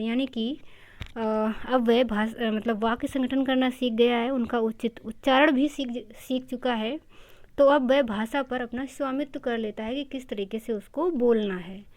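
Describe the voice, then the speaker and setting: A woman teacher giving an exam-prep lecture, explaining step by step, repeating key terms and mixing in English words. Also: fairly high pitch.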